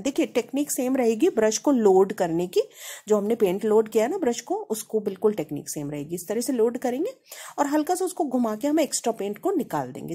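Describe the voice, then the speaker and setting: A woman from India, speaking with an Indian accent, walks viewers through a painting lesson in a chatty, conversational way. Her voice is lively, rising and falling a lot as she explains. It has a slightly husky edge. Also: mid-range voice. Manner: chatty, repeats "है ना" to check in. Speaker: painting teacher. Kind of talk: casual tutorial explanation.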